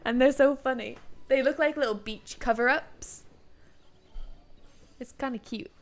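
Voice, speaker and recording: A woman streaming a game, bantering casually with friends in an animated, giggly, exclamatory way. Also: high-pitched, a little slow.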